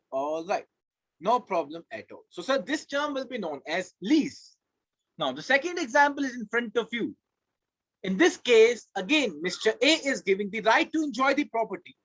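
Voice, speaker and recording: A man's voice: high voice, a bit bright, no echo. A man with an Indian accent teaching a live online class, emphatic and repeating key phrases. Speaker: law teacher. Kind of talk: live online lecture to students.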